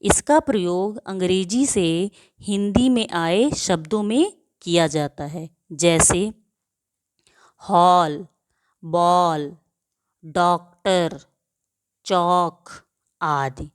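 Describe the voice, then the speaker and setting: A woman's voice: on the low side, slow, no room sound, studio quality. A woman teaching a grade-school grammar lesson who asks her own questions and answers them, and drawls out example words to show how they sound.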